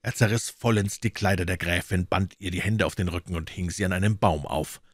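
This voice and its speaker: A man reading a brooding, hard-drinking noble musketeer in an audiobook, with low, subdued, grim delivery. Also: brisk, dry recording, clean studio sound. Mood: grim, bitter.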